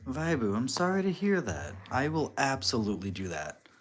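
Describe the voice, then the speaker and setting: A man's voice: mid-range voice, huge pitch swings, moderate pace, slight background noise. A man casually chatting with viewers on a live stream while he crafts, reading and answering the chat.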